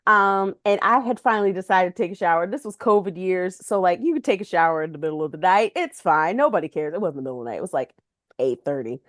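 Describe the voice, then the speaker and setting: A woman co-hosting a podcast, telling funny stories in casual chat, animated and laughing often. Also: lowish voice, fast talker, no room sound, clean studio sound. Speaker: podcast co-host.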